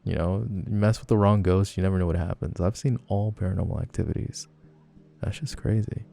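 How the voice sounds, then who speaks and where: Man playing a teasing, gravelly low-voiced flirty guy. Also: warm tone. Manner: teasing, playful, rambling. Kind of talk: flirty personal-attention role-play, casual chat.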